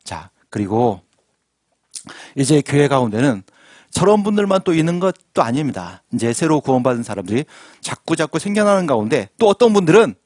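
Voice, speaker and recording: Animated male pastor preaching. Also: medium pitch, a little fast, dry recording, studio quality. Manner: animated preaching with audience questions and call-and-response. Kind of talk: sermon. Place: church sanctuary.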